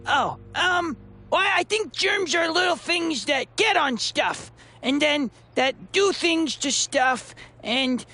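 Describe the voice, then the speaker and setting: A woman voicing an excitable, goofy little boy in a preschool cartoon, with a loud, silly, cute germ voice. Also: high voice, slow pace, full character voice. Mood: excited, eager. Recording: music behind the voice.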